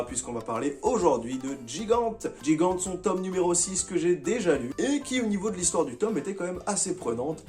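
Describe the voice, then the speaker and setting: A man's voice: a little high, darkish tone. A man talking casually and enthusiastically to his viewers as he reviews his monthly manga picks, with slangy, chatty phrasing.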